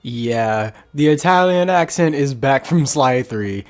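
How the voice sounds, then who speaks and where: A man's voice: mid-range voice, expressive, slow pace. A young man casually commentating a video game with rambling, chuckling asides. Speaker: let's play host.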